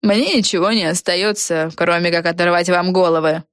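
A woman's voice: lowish voice, fairly even intonation, a bit bright, clear, resonant tone, no room sound, clean studio sound, natural voice. Woman voicing a sneering young witch villain. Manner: cold, mocking, slow threats.

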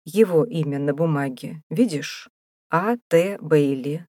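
Woman voicing a rough taunting male jailer, low dark voice, dry close sound, audiobook. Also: slow, no echo. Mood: gruff, mocking. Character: gruff mocking male prison warder.

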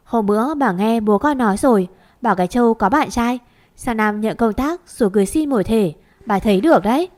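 A woman's voice: on the high side, lively intonation, a little fast, a little mellow, close to an everyday voice. A woman voicing an old grandmother who scolds fondly and gives homely advice. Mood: chiding.

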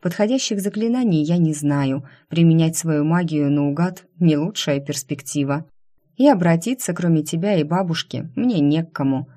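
A woman voicing a brash, sharp-tongued young woman heroine in an audiobook, snapping loudly and indignantly. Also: low-pitched. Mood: weary. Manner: loud, indignant, quick to snap. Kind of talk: audiobook character voice.

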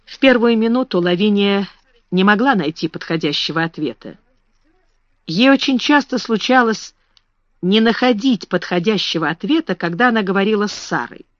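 An audiobook narrator reads a children's classic at an even, measured pace. The sound is dull and lo-fi, close with no room echo. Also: medium pitch. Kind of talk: audiobook reading. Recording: dull lo-fi dry recording.

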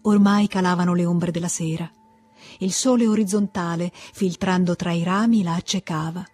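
Female audiobook reader: measured, husky, dry close sound. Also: fairly low pitch, dry recording, faint music behind. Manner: measured, calm reading. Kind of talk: literary audiobook narration.

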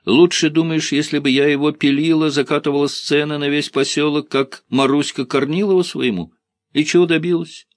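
A man's voice: fairly high pitch, steady tone, brisk, no room sound, pitched above the performer's own voice, lightly acted. Cheerful teasing village woman, as a man reads her. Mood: lively.

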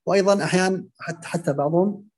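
A man teaching Quran recitation, explaining and demonstrating common pronunciation errors in a halting, filler-heavy way. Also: high voice, darkish tone, breathy edge. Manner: hesitant, many fillers and restarts, demonstrates pronunciations aloud.

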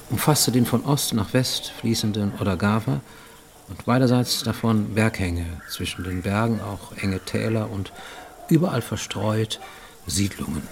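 In a German radio play, a male actor with a fairly low voice plays a haunted, middle-aged Japanese fugitive. His delivery is formal and intense, now and then sinking almost to a whisper. There's a faint hiss or hum in the recording.

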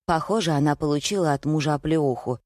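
A woman narrating a first-person novel in an even, wry storytelling manner. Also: low-pitched, fast talker, no echo, studio quality. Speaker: audiobook reader.

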